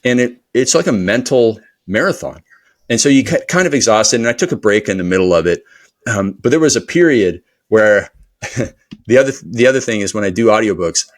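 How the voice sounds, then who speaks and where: A man with a fairly low voice talks as a guest on a podcast. He is a performance coach. His delivery is energetic and motivational, rambling along with plenty of fillers. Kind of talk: podcast interview conversation.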